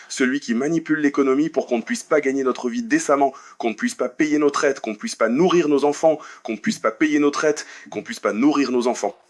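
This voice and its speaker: Earnest man making his case in a debate. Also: medium pitch. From United States. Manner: earnest, repeats phrases for emphasis; addresses the crowd directly. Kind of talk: debate speech to an audience.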